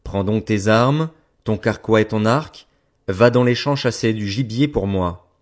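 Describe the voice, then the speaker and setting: Old patriarch, solemn and grave, read by a man in a lowish voice. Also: measured pace, lightly acted. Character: old blind father, frail and solemn.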